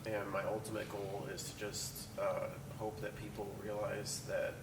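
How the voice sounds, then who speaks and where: A man's voice: on the low side, little pitch movement, normal speed, roomy sound, very noisy. A man working as a head brewer, chatting in a laid-back, self-mocking way. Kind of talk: casual chat.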